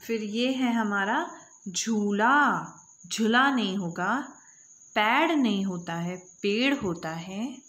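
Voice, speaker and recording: A woman teacher reading out a lesson for young children, pronouncing each word slowly and repeating it with emphasis. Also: medium pitch, a bit bright, low-quality recording. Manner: slow, drawn-out word-by-word pronunciation.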